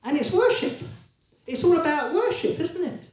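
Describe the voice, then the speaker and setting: A man preaching a sermon in a church, conversational and lively, with many rhetorical questions to the congregation. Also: extremely high pitch, moderate pace. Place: church hall. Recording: echoey hall, voice from a distance.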